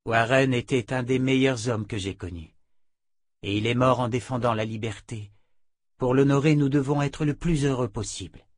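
A man's voice: mid-range voice, moderate pace, no room sound, lightly acted. A commanding woman inquisitor from a storybook, firm and controlled, as a man reading aloud plays her. She gives orders without raising her voice. Close, dry narration sound. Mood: tender. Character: stern woman inquisitor, commanding yet tender.

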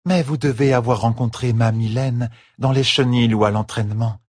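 An imperious young noblewoman who speaks in clipped, haughty commands, as a male audiobook reader puts her on. Her voice sits well above his own, husky at the edges. The dry, close sound keeps every order crisp and cold. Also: medium pitch, fairly even intonation, moderate pace, a little mellow, dry recording, pitched above the performer's own voice, natural voice. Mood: commanding. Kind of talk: audiobook character voice.

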